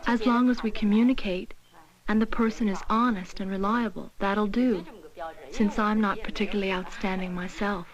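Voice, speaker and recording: A woman giving measured interview answers about her own life. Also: mid-range voice, steady tone, a crowd in the background. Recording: dull, muffled documentary sound.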